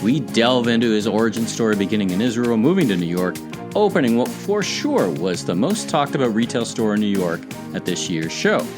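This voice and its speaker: In an open-roof podcast booth at a trade show, a man fronting a retail podcast reads a scripted opening and then questions a guest, sometimes hesitating and restarting. He talks fairly quickly in a fairly low voice with big pitch swings, over music.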